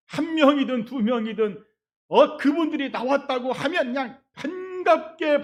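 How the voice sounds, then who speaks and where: High-voiced animated pastor preaching. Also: male voice. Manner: animated preaching, acts out quoted voices, swings loud and soft. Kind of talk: sermon. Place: church sanctuary.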